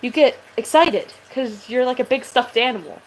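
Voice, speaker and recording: A woman's voice: on the high side, lively intonation, normal speed, a little hiss or hum, poor audio. A woman vlogger chatting casually to camera, rambling and swearing, with a voice that sounds aggressive.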